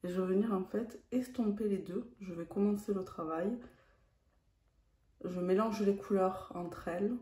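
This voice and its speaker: A woman walks her viewers through a makeup routine in a slow, calm, step-by-step way. Her tone is warm and mellow rather than bright. The room around her rings with a noticeable echo. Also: mid-range voice. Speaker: beauty vlogger. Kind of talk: makeup tutorial narration.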